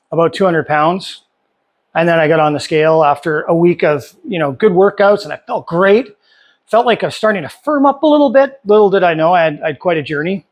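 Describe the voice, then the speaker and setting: Chatty man in his fifties. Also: on the high side. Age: 50s. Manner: chatty, candid, many fillers and restarts. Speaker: vlogger. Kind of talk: casual talk to camera. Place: home workshop.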